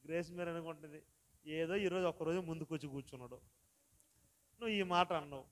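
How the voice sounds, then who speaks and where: A man, a pastor telling a personal story in a sermon. He talks quietly through the story, then grows loud and slow as he preaches. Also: on the high side.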